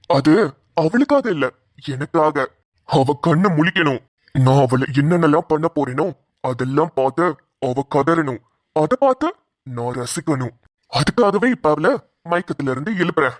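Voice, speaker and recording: A woman's voice: deep voice, animated, normal speed, long pauses, no echo, studio quality. A woman voicing a cruel bald male kidnapper in a cartoon, menacing and taunting. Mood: gloating. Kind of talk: cartoon voice acting.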